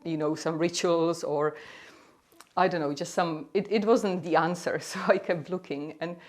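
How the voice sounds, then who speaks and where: With soft music behind her, a Czech woman tells her personal testimony in Czech-accented English, earnest and casual with lots of "like" and "you know." Her voice is fairly low with a steady tone and a moderate pace.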